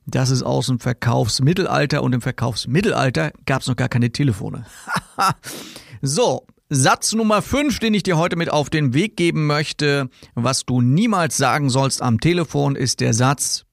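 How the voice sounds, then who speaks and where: A man's voice: medium pitch, moderate pace, vocal fry, no room sound, clean studio sound. A man hosting a podcast as a sales trainer, talking casually and directly, laughing as he mocks stock sales phrases.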